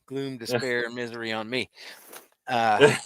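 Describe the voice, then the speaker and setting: A man's voice: medium pitch, level tone, measured pace, a bit bright, clear, resonant tone. A man co-hosting a live-stream chat, talking in a folksy, rambling, self-deprecating way. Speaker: co-host.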